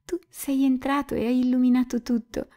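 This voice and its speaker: A woman's voice: high-pitched, level tone, moderate pace, mellow, voice pushed up. Grushenka, a fiery young woman voiced by a female narrator. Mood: tender. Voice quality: emotional, pleading, sighing. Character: passionate young woman, tearful and reckless. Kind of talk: dramatic audiobook reading.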